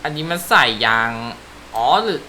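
A man's voice: on the high side, very animated, normal speed, sharp tone, a little hiss or hum. Thai man swearing through a racing game. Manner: swears freely, laughs at own mistakes. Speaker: gaming YouTuber. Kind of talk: casual racing game commentary. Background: car engine and game ambience.

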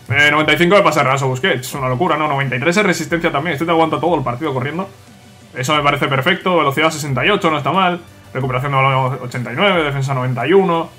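Excitable young man, bright voice. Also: a little high. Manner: excitable, talks to viewers, frequent "tío". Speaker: gaming youtuber. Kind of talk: gameplay commentary.

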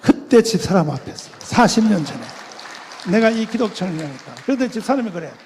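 An older man giving a testimony sermon as a pastor, telling his story in an animated way, acting out quoted voices and laughing often. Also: sits high, a little fast, a little hiss or hum. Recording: long hall reverb.

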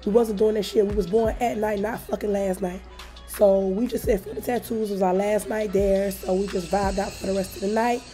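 A woman with a hoarse, worn-out voice giving a frank, sweary, casual vlog voice-over. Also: mid-range voice, fairly even intonation, normal speed, dark tone, faint music behind. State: hoarse, voice nearly gone. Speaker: travel vlogger.

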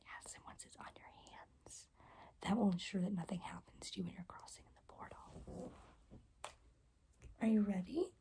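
A young woman in a whispered role-play as a caring rainbow fairy, speaking in a gentle, reassuring, breathy whisper. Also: mid-range voice, normal speed, long pauses. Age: young adult. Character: caring, soft-spoken rainbow fairy guide. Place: small room indoors.

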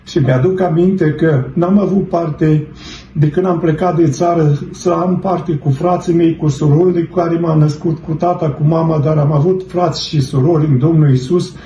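A man's voice: on the high side, fairly even intonation, dark tone. Earnest middle-aged man in a roomy space. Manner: earnest, fervent, addresses listeners as brethren. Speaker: person giving a testimony. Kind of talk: personal religious testimony, storytelling. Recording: roomy, dull, slightly noisy.

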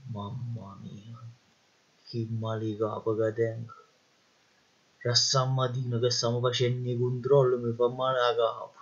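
A man's voice: mid-range voice, little pitch movement, measured pace, pauses often, husky. A man playing an exasperated, bullying police marshal with a Neapolitan accent, scolding and sarcastic in a comic parody dub. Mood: weary, groaning. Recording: muffled lo-fi dub.

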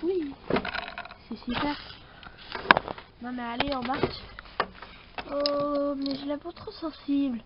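Outdoors on the ice in winter, a young girl plays with her toy figures, voicing them in a high-pitched, slow, often pausing way. She's playful, swearing and crying out in pain, and the recording sounds dull with loud outdoor noise.

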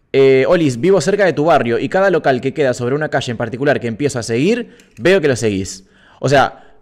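Argentine guy rambling on his live stream, playful and jokey, mid pitch. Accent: Argentine Spanish (Rioplatense). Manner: chatty, playful, self-mocking asides. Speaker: livestream host. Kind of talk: casual live-stream chat reading comments.

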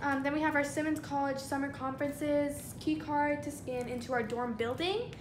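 A woman's voice: high-pitched, steady tone, normal speed. A teenage girl giving a casual, chatty tour of her dorm room. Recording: echoey room with noise.

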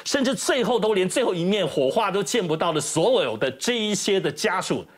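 A man's voice: high-pitched, expressive, fairly quick. A man giving indignant, emphatic talk show commentary in a television studio. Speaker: political commentator.

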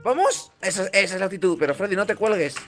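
Very high-pitched joking gamer guy. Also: lively intonation, fast, faint music behind. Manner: joking, bossy, eager. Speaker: co-op gaming partner. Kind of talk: casual co-op gameplay chat.

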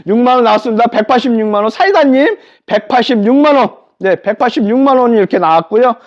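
An excitable live-stream auctioneer selling furniture, calling out bids and repeating prices. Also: mid-range voice, quick pace. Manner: excitable, exclaiming. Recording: dull lo-fi live-stream audio.

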